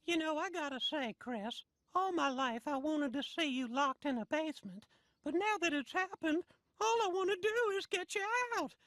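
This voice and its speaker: An actor playing a frail, devoted elderly neighbour in an animated sitcom, with a thin voice. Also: male voice, very high voice, normal speed, dry recording. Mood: tender, determined. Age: older.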